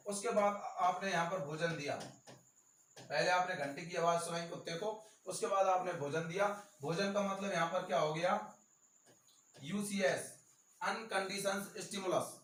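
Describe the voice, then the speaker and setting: A male teacher with a Rajasthani accent gives an exam-prep lecture, repeating key terms slowly and stressing them. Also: high voice, a bit bright, a little hiss or hum. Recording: echoey room, voice from far off.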